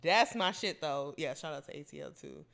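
Young woman, podcast co-host, casual chat, animated, lively pitch, bright tone. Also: moderate pace, vocal fry. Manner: animated, laughs often.

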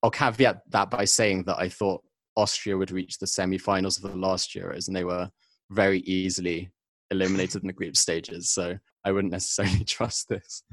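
Deep-voiced man, thoughtful and hedging. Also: level tone, normal speed, dry recording. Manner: thoughtful, hedging, many ums. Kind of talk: casual football chat.

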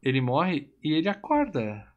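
A man's voice: on the high side, normal speed, phone-quality sound. A man casually retelling a film plot, swearing a lot and acting out the characters' lines. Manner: animated, profane storytelling with acted quotes. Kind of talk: casual film recap chat.

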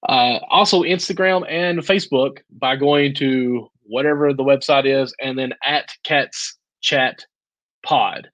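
A man's voice: medium pitch, measured pace, a bit bright, no room sound, rough recording. A man co-hosting a casual podcast, making upbeat, joking plugs for the show. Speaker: podcast co-host.

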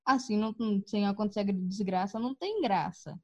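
A woman telling a personal story in a casual chat, animated and laughing, acting out the voices of the people in it. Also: medium pitch, fairly quick, dull audio, slight background noise.

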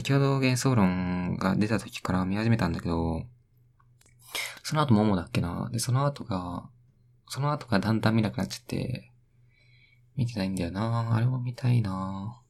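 A man's voice: on the low side, moderate pace, gravelly, a little mellow. A young man hosting a solo radio talk, rambling, talking to himself and playing with words. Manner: rambling, talks to himself, plays with words in sing-song repeats. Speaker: podcast host.

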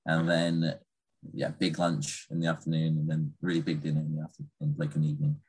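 A man's voice: rumbling low, fairly quick, husky, low-quality recording. A young man from England chatting casually and loosely about everyday habits. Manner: relaxed, rambling, with fillers. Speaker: conversation partner. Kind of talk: casual chat.

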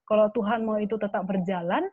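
Young woman, earnest and animated, husky voice, tinny phone-like sound, dry. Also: mid-range voice, fast talker, dry recording. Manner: earnest, animated, many fillers. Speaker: guest. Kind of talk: casual testimony chat.

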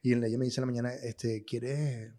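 Venezuelan dude telling funny stories on a podcast, laughs a lot, normal pitch. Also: male voice, little pitch movement, quick pace, mellow. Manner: storytelling, laughs easily. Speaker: podcast co-host. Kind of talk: casual podcast banter.

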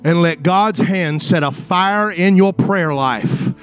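A male preacher delivers a revival sermon in a fairly high voice. His phrasing is dramatic and rhetorical, with repeated lines aimed straight at the congregation. Faint music plays behind him. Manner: dramatic, building from hushed, drawn-out phrases to high, sing-song cries; rhetorical repetition and direct address to congregation.

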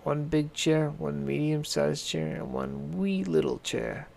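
Slow, gravelly man reading a fairy tale. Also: on the high side, very animated, a little mellow, a little hiss or hum. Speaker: storyteller. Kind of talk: reading a children's story aloud.

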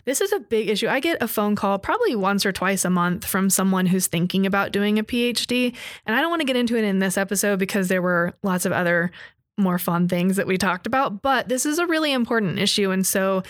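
A woman's voice: mid-range voice, a little fast, no echo. Woman podcast co-host, dry close sound. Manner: explains ideas in a steady, conversational way. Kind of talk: casual chat.

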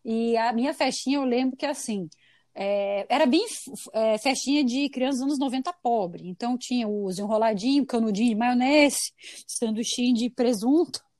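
A high-voiced Brazilian woman in her thirties tells childhood stories on a casual podcast, switching voices to act out each quote. Her voice sounds dry and close, with no room around it. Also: normal speed, dry recording. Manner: animated storyteller, acts out quotes in shifted voices. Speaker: podcast host. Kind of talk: casual chat.

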